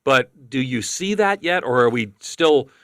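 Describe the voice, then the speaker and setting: A man hosting a podcast in casual chat, talking quickly and rambling with many restarts. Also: mid-range voice, expressive, fairly bright tone, clean tone, dry recording, clean studio sound. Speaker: podcast host.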